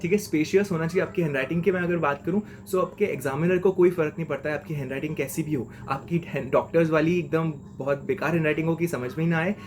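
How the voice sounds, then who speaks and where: A man's voice: on the high side, fast talker, hardly any pauses, a little hiss or hum. Slangy young male tutor. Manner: chatty and slangy, keeps saying "okay?". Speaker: CA exam mentor. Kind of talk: casual exam-tips lesson.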